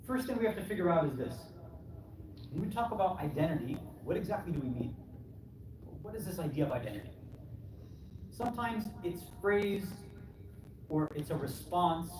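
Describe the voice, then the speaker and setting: This is a noisy, echoey recording from an Islamic center hall, captured on a distant mic, of a man with a slightly high voice preaching in casual English. He keeps asking rhetorical questions, tags on "right?" and plays out the responses listeners might offer.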